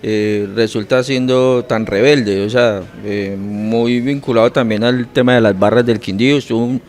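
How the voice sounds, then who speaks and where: A man's voice: mid-range voice, fairly even intonation, normal speed, darkish tone. A man hosting a podcast, greeting viewers and asking his guest questions in a friendly, casual way. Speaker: podcast host. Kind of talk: casual interview.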